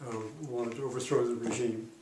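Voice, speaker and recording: In an oral history interview, a retired diplomat in his eighties calmly recalls his career, speaking haltingly with many pauses and fillers as he hunts for words. His voice has a typical male pitch. The mic is distant in a roomy, echoing space with faint hiss underneath.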